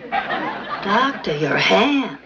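Slow-talking, coy older lady. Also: mid-range voice, sing-song, creaky, crowd noise, heavily acted. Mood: playfully flirtatious. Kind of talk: light TV comedy-drama acting. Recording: muffled soundtrack, faint noise.

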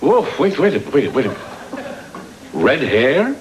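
An actor playing a well-meaning, awkward pediatrician in a sitcom, halting and earnest as he pleads. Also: medium pitch, huge pitch swings, slight background noise. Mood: exasperated, pleading.

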